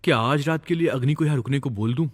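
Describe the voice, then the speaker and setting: A man's voice: mid-range voice, fast talker, big-room sound, close to an everyday voice. An actor dubbing a carefree young man who brushes off worries and coaxes his partner. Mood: coaxing. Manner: coaxing, dismissive. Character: carefree, coaxing young boyfriend. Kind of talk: Hindi film dub.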